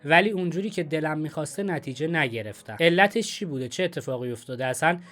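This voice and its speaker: A man's voice: fairly high pitch, expressive, a bit bright, faint music behind. Man hosting a conversational interview. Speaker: interviewer, host.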